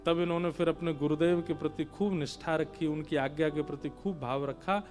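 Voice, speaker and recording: High-voiced man telling a devotional story. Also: steady tone, darkish tone, faint music behind. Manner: acts out the story's characters in raised, childlike voices; breaks into slow sung lines. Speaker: Bhagavat katha preacher.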